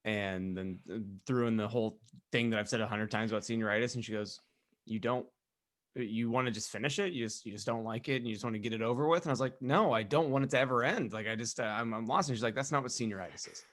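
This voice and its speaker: On a remote video call, a man with a medium-pitched, fairly bright voice talks quickly as co-host of a casual podcast. He tells stories to his friends in a rambling, self-deprecating way.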